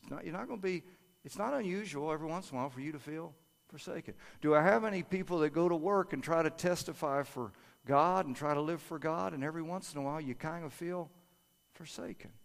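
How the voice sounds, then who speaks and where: An older man preaching a sermon and praying aloud, earnest, moving from quiet prayer to lively storytelling. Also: on the high side, quick pace, vocal fry. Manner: earnest, prays aloud softly then preaches with rising energy. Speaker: pastor. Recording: long reverb of a large hall.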